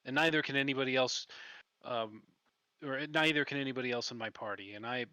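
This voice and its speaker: A nervous woman inventor apologizes and pleads for calm, soft and halting, as a man plays her. The tone is bright and close, with no room sound. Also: medium pitch, clean tone, dry recording, lightly acted. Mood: apologetic, earnest. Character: anxious, apologetic woman tinkerer, conflict-shy.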